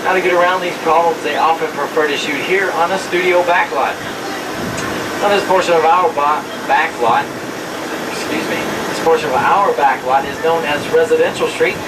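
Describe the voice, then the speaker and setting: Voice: mid-range voice, normal speed. A tour guide reciting a memorized backlot spiel with small slips, heard on an old VHS home video. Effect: old VHS home video tape. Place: open tram touring an outdoor studio backlot. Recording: distant voice over loud engine noise on old VHS tape.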